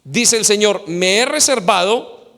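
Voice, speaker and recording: A man's voice: high voice, a little slow, a bit bright. A man preaching a sermon as pastor, quoting scripture and speaking directly to his listeners. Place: church hall. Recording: long hall reverb.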